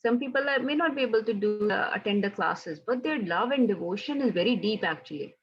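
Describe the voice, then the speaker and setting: A woman's voice: medium pitch, expressive, brisk, muffled recording, soft background music. A woman leading a casual devotional scripture class, talking conversationally and often checking in with "right?".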